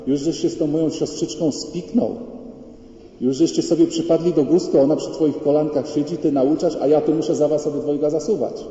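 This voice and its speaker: A man's voice: fairly high pitch, steady tone, brisk, dark tone, close to an everyday voice. A man voicing an exasperated biblical woman who scolds with sarcastic, mock-sulky reproach, heard in a dull, echoey church hall from far off. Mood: reproachful.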